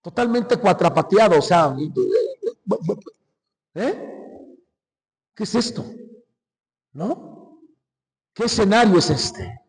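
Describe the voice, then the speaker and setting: A man's voice: sits high, lively intonation, slow, pauses often. A man from Mexico, a priest giving a conversational Lenten sermon with dramatic retelling and frequent questions to the congregation. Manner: conversational, asks the congregation "¿sí?" often; dramatic retelling with shifting volume. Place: church. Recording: long church reverb. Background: hall reverb.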